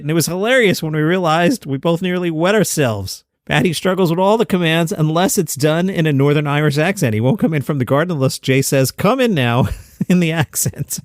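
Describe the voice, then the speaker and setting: A man's voice: fairly high pitch, no echo, studio quality. A man hosting a good news roundup, reading stories with chatty, jokey asides. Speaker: host.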